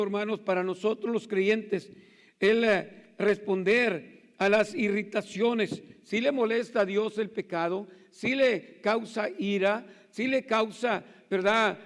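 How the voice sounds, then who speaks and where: A man preaches from the pulpit in a high voice. He keeps turning to his listeners with rhetorical asides and repeated phrases. The sound carries the long reverb of a church hall. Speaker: pastor. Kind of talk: sermon.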